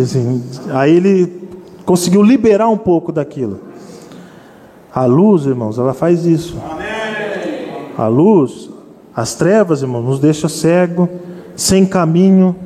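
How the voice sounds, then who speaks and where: A man's voice: high voice, dark tone. A man preaching an earnest sermon, constantly turning to address his congregation as brothers. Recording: long hall reverb.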